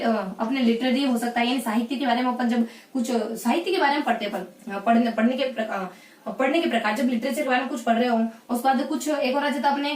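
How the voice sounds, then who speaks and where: A woman teaching an exam-prep lesson at a rapid clip, her voice set a little high. She explains in loops, repeating points and filling gaps with hesitations. She sits off the mic in a roomy, echoing space with a faint hum behind her. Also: recorded from a distance. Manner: explanatory, repetitive, many fillers and restarts. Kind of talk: exam-prep lecture on English teaching methods. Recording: echoey room, voice off-mic, faint background hum.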